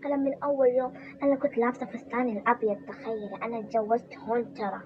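A woman's voice: a little high, level tone, rapid-fire, natural voice. A woman voicing a weary young wife in a toy role-play drama, chatting and complaining about her in-laws. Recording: muffled with background noise.

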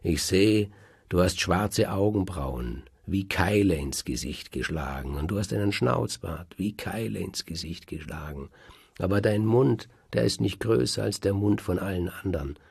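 A man's voice: deep voice, expressive, measured pace, creaky, darkish tone, slightly rough, no room sound, full character voice. A man voicing a burly defiant innkeeper. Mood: mocking. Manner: mocking, defiant. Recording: dry close recording.

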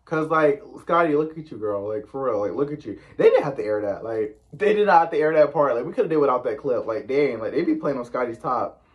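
A man's voice: medium pitch, lively intonation, fairly quick, lo-fi sound. A man from the US East Coast recapping a reality show in casual chat, chatty and sassy, full of "like" and slang asides.

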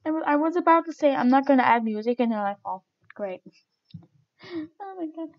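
A woman's voice: sits high, expressive, a little fast, lo-fi sound. A woman streaming her gameplay, chatting casually and mocking herself with giggles as she plays.

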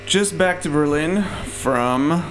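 A man's voice: on the high side, slow pace, a bit bright, a little hiss or hum. A man hosting a podcast who interviews his guest in a friendly, enthusiastic, casual way, using fillers like "like" and "um". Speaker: podcast host.

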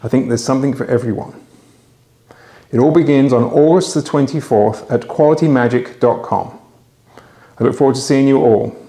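A man's voice: medium pitch, moderate pace, pauses often, dark tone, echoey room. A middle-aged man hosting a magic auction, talking casually to camera in a home bar room with a lapel mic, chatty and full of restarts. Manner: chatty, hesitant with restarts and fillers. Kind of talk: casual promotional talk to camera.

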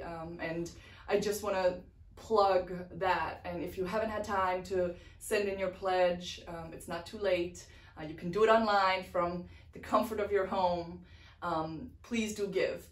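A woman in her forties speaks as a parish board president in a church video announcement, hesitant and full of fillers. Her voice is on the low side. The room is echoey and the mic sits far away. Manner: hesitant, many ums and uhs. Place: church office with bookshelves, indoors. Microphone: far camera. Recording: roomy sound from a distance.

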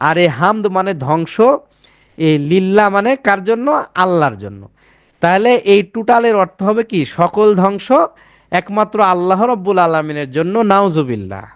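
A man with a high voice teaches an Arabic pronunciation class. He goes slowly, repeats each word and keeps asking if his students follow. The sound is close and dry, with no room echo. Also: lo-fi sound. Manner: explains slowly, repeats words, checks with students.

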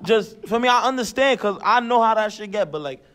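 High-voiced man teasing and laughing. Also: expressive, brisk, a bit bright, slight background noise. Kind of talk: casual reaction chat.

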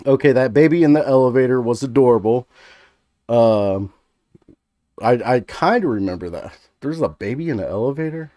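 Man in his thirties, average pitch, casual profane review talk, rambling, joking, dry close-up recording. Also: expressive, moderate pace, warm tone, dry recording. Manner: rambling, jokey, laughs easily. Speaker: movie review vlogger. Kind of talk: casual, sweary comic review to camera.

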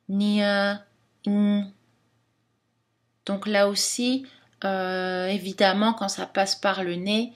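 Woman, phonetics teacher, slow and deliberate, demonstrates sounds one by one. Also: mid-range voice. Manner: slow, careful delivery that demonstrates each sound. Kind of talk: scripted lesson narration.

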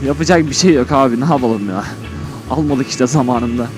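He speaks briskly at a medium pitch, a motovlogger rambling through his helmet on an open road in relaxed, colloquial fashion. Behind him are music and the sound of a vehicle.

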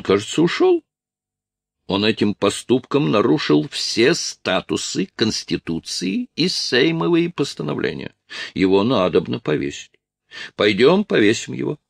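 A man voicing a drunk, blustering Polish nobleman who shouts indignantly. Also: mid-range voice, huge pitch swings, measured pace, vocal fry, slightly rough, no room sound, studio quality, voice pushed up, exaggerated voice. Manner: loud, indignant, bellowing.

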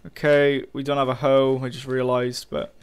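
A man's voice: mid-range voice, completely flat delivery, normal speed, smooth. A young man giving casual, frustrated commentary while playing a game, swearing often and talking to his viewers. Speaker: gaming channel host.

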